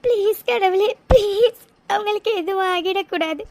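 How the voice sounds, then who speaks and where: Brief: sobbing guilty young daughter in a cartoon, voiced by a woman, squeaky-high and tearful, dry booth. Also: moderate pace, a little mellow, dry recording. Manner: sobbing, pleading. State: crying. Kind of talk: cartoon voice acting.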